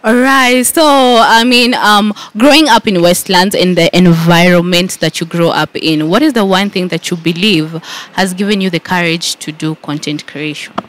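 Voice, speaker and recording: A man's voice: high voice, moderate pace, fairly bright tone. A man with a Kenyan accent interviewing a guest, asking friendly questions that mix English and Swahili. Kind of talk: casual interview.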